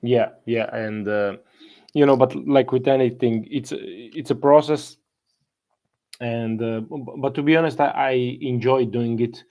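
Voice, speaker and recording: A man hosting a live audio chat in a mellow, relaxed voice of middling pitch. He is chatty and laughs easily between remarks. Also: a little slow. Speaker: host. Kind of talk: casual chat.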